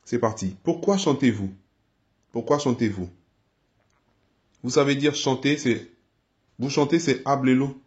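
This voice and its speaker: A man from Côte d'Ivoire leads a video language lesson, patient and steady, slowing down to repeat each phrase several times so learners can follow. His mid-pitched voice comes through a slightly dull, lo-fi recording. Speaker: language teacher.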